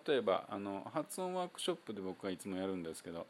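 A man with a Kansai accent giving a casual spoken English pronunciation lesson as the show's host, chatty and loose with many fillers, slowing down to demonstrate sounds. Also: lowish voice, sing-song, a little hiss or hum. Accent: Kansai Japanese.

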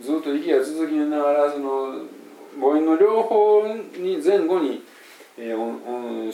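A man's voice: mid-range voice, darkish tone. Kansai-accented man teaching in a roomy space. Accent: Kansai Japanese. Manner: casual, explains by demonstrating phrases aloud. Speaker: English pronunciation teacher. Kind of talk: informal spoken lesson. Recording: roomy and distant from the mic.

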